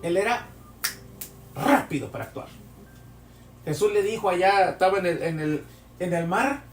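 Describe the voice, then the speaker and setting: A man's voice: sits high, animated, moderate pace, slight background noise. A man preaching a sermon, telling vivid stories and asking rhetorical questions. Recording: echoey hall, distant mic, soft music.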